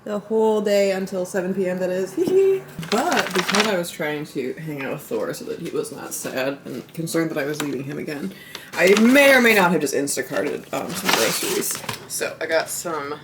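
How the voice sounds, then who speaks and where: A woman's voice: lowish voice, animated, moderate pace, background noise. A woman vlogging from her home, telling rambling stories in a chatty way and laughing often. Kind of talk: casual storytelling vlog.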